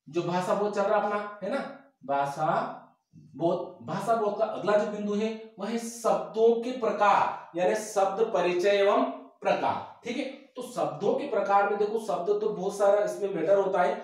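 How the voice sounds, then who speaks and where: A man with a fairly high voice teaches grammar for a board exam. He reads out each definition slowly and repeats it for students to copy. The sound is very echoey and comes from some way off the mic. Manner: slow, repetitive dictation of definitions. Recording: echoey room, mic far off.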